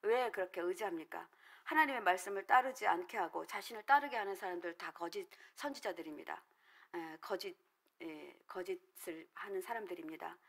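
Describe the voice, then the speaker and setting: A woman's voice: mid-range voice, a bit bright. A middle-aged woman pastor, also a counselor, giving an earnest, explanatory sermon at a prayer meeting, with frequent filler words. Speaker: counselor trained in dream analysis.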